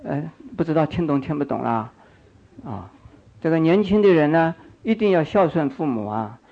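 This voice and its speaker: A man's voice: a little high, expressive, normal speed, creaky. An older man preaching a Buddhist sermon, coaxing his listeners, repeating phrases and asking them questions. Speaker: Buddhist monk teacher. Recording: dull lo-fi recording.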